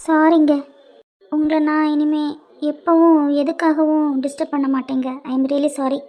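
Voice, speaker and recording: A woman's voice: high-pitched, level tone, unhurried, warm tone. A woman with a Kanyakumari Tamil accent voicing an affectionate young wife in a cartoon, speaking in a coaxing, apologetic way. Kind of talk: homemade cartoon voice acting.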